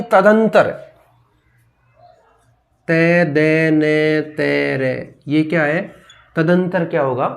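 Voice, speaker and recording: A man with a somewhat high voice teaches a grammar class. He works through one word after another, asking the class what each word is and then giving the answer. His delivery is steady and methodical, in the manner of a classroom drill. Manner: drills word spellings with repeated questions and answers. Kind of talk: Hindi grammar lesson.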